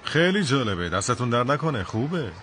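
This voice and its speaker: An actor playing a kind, patient schoolteacher in a dubbed cartoon, who talks in a gentle, encouraging way. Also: male voice, medium pitch, very animated, background noise, close to an everyday voice. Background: background music.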